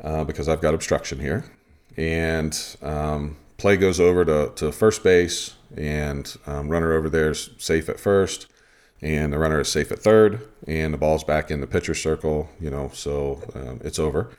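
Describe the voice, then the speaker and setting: A man who umpires softball, telling a long story in a casual, rambling way with many asides. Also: extremely low pitch, normal speed.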